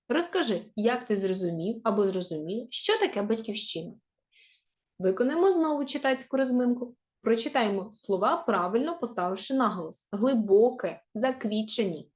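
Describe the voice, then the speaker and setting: A woman teacher speaks in a fairly high voice, leading a video lesson for children. She reads words and verses slowly, pressing clearly on each stress. The recording sounds dull and muffled. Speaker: primary school teacher.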